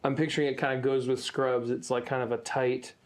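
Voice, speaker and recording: A man's voice: medium pitch, flat delivery, a little fast. A man co-hosting a podcast, asking playful, teasing questions in a casual interview. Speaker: podcast co-host.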